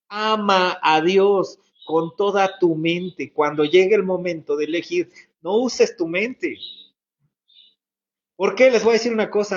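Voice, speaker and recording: A man preaching a sermon as a pastor, earnest and repetitive, asking the congregation rhetorical questions. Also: fairly high pitch. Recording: muffled lo-fi sound.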